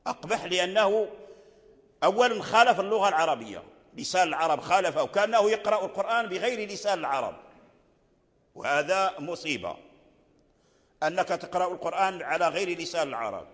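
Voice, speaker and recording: An older man gives a slow, deliberate religious lesson in a fairly high voice. He repeats his phrases and breaks into short chanted verses. A long reverb hangs behind him, as in a large hall. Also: expressive, fairly bright tone. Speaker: Quran recitation teacher. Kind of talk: religious lesson on recitation rules.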